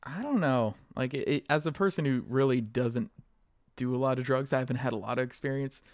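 A man with a mid-range voice co-hosts a podcast, keeping the chat casual and conversational at a brisk pace. The audio is studio quality with no room sound.

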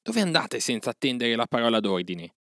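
A man's voice: fairly low pitch, normal speed, a bit bright, no echo, clean studio sound. A man voicing a proud young man-cub raised by wolves, giving urgent commands in an audiobook reading. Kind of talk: audiobook character voice.

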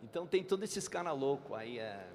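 A man's voice: mid-range voice, big pitch swings, brisk. A man talking casually as a guest on a talk show, laid-back and full of slang, dropping English words into his speech. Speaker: guest singer. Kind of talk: casual chat. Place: studio stage. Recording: long reverb, faint ambience.

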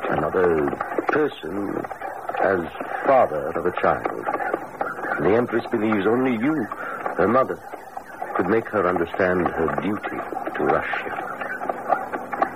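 A courtly imperial envoy in a radio drama, with a very low voice. He speaks in a formal, measured way, grave and discreet, through heavy broadcast noise. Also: highs cut off. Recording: very noisy old radio broadcast.

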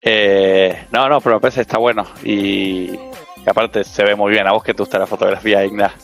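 A man's voice: lowish voice, little pitch movement, fairly quick, vocal fry, soft background music. A man with an Argentine accent on a casual panel, joking as he recommends a nature documentary. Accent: Argentine Spanish. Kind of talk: casual group chat.

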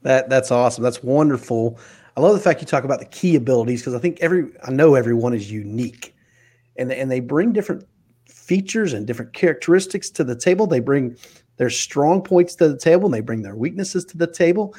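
Earnest man hosting, mellow tone. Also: mid-range voice, animated, fairly quick, breathy edge. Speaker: interview host. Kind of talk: podcast interview.

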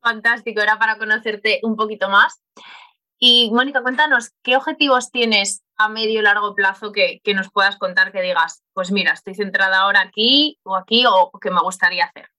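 A woman hosting a podcast who asks her questions with a bright, clear tone and backs up her guest with quick, encouraging replies. Her pitch sits in the middle range. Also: rough recording. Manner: warm, attentive interviewer with short encouraging replies. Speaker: podcast host. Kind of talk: casual conversational interview.

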